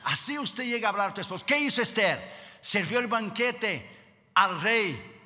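A male preacher with a high, strikingly bright, piercing voice, delivering a dramatic sermon. He shifts between emphatic declarations and hushed, lowered asides. The sound rings with a long church hall reverb. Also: animated, normal speed. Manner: dramatic, acts out quotes in lowered voices, drops to a hush.

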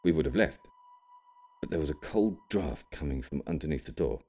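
In an audiobook, a man voices a cryptic elderly grandfather in an extremely low voice, recalling a wartime childhood with grave, nostalgic feeling. He chooses each word carefully in a measured, ominous way, yet stays expressive and mellow, with faint music behind him.

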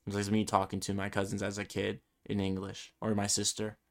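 A twenty-something podcast host from Brooklyn, New York, whose first language was Spanish, rambles through a solo episode, looping back and restarting his thoughts. His fairly low voice moves quickly with a completely flat delivery. The tone stays casual and self-deprecating.

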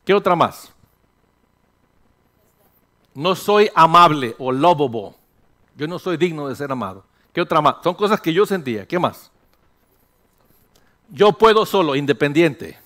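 An older man gives a sermon-style teaching, his voice sitting a bit higher than most men's. He is animated and joking with the congregation, then drops into a hushed, low tone. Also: a little slow, long pauses. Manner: animated, jokes with the congregation, mixes English phrases. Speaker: pastor.

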